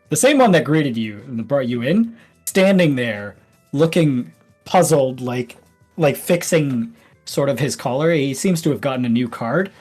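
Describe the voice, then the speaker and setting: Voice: medium pitch, a little mellow, breathy edge. A game master narrating a tabletop game playfully, laughing often.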